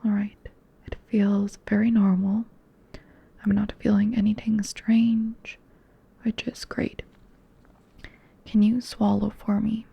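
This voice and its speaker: Woman as a calm ASMR doctor, slow breathy whisper, flat and even, dull lo-fi sound. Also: medium pitch, heavily acted. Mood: soothing. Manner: soft unvoiced whisper. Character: gentle woman doctor examining a patient. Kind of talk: ASMR roleplay.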